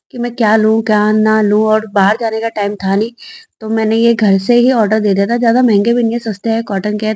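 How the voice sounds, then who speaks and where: Young woman vlogger, brisk chatty voice-over, a bit high, dry close mic. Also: mellow, no room sound. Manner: chatty, personal, fond of her baby. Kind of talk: casual vlog voice-over narration.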